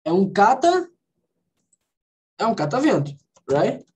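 A woman's voice: medium pitch, big pitch swings, slow, dark tone. A Brazilian woman teaching an online English class, switching between Portuguese and English and checking understanding with frequent "alright?" and "ok?".

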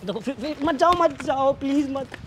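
High-voiced Indian man pleading in a prank. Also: normal speed, heavy background noise. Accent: Indian Hindi. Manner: pleading and flirting, repeats himself. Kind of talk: street prank. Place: outdoors in a park.

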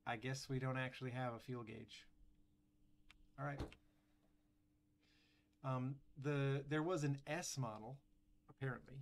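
A man's voice: medium pitch, steady tone, measured pace, long pauses, a little hiss or hum. A man hosting a gaming channel, giving casual, chatty commentary over gameplay with wry, sarcastic asides and lots of fillers.

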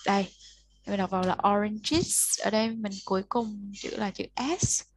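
A woman's voice: mid-range voice, flat delivery, moderate pace, no room sound. A woman tutoring a child one-on-one, patiently explaining step by step and prompting the learner to answer. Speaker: English tutor.

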